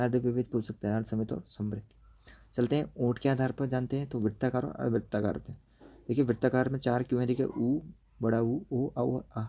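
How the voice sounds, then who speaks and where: A man's voice: mid-range voice, warm tone. A man teaching an exam-prep grammar lesson, explaining step by step and checking in with "okay" after each point.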